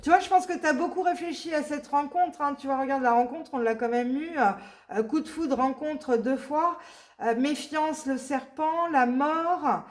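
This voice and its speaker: A woman's voice: sits high, normal speed. A woman giving a casual spoken card reading, rambling with many fillers and blunt asides. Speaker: tarot reader.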